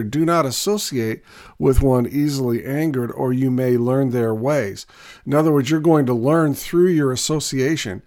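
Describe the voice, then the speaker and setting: A man whose voice is raspy and hoarse from a recent cold teaches a conversational video lesson on Bible passages aimed at business owners. His medium-pitched voice is a little mellow, and he uses lots of fillers and restarts.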